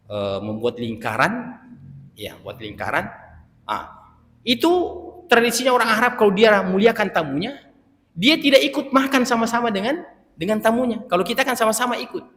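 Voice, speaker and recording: Male Islamic teacher, high and swooping voice, animated storyteller, long reverb of a mosque hall. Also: moderate pace, pauses often. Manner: animated storytelling, addresses listeners as sir. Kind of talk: mosque study lecture.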